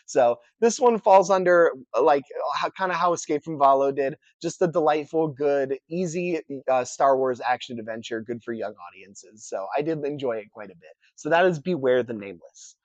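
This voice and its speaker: Chatting about books he's read, this reviewer has a higher-pitched, congested, nasal voice. It's a relaxed, casual vlog full of fillers and restarts, and the audio is dull with no echo.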